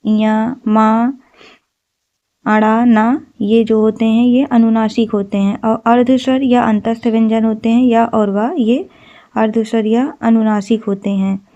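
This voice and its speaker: A woman's voice: fairly high pitch, fairly even intonation, unhurried, dark tone. A woman teaching an exam-prep lesson, explaining step by step and repeating key terms. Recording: slightly dull lo-fi recording.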